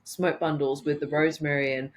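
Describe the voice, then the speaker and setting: Woman, low pitch, naturopath guest, rambling, easygoing interview talk. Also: flat delivery, brisk. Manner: warm, rambling, lots of ums and affirmations. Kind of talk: casual interview chat.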